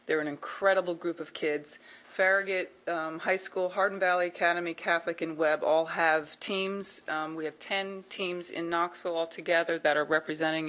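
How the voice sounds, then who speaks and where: Low-pitched middle-aged woman speaking at meeting. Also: fairly bright tone. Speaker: town board member. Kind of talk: informal remarks at a public meeting. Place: public meeting room.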